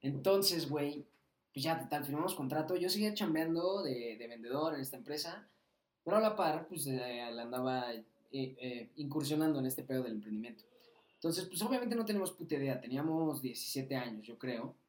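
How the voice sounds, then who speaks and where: A young man with a Mexican Spanish accent tells a story as a podcast guest, slangy and full of swearing, acting out quotes in an animated anecdote. His mid-range voice is brisk, and the recording has a roomy echo.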